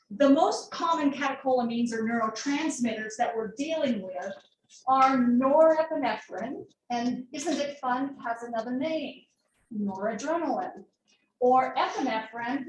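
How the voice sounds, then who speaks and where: A woman's voice: fairly high pitch, slight background noise. Chatty woman lecturing in a roomy classroom. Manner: casual, chatty, many fillers and asides. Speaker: nursing pharmacology instructor. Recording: roomy classroom audio from far off.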